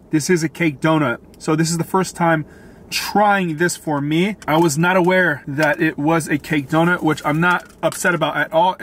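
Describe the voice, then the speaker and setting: A man's voice: on the high side, fairly bright tone, slight background noise. A man vlogging a casual food review from a parked car, chatting and commenting between bites. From Florida. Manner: chatty, tasting and commenting as he eats.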